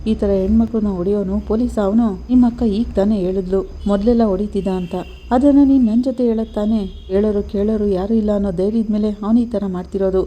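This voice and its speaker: A woman's voice: medium pitch, steady tone, fast, warm tone, natural voice. A woman voicing an angry, protective man who scolds in indignant questions. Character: angry protective adult brother-in-law, man.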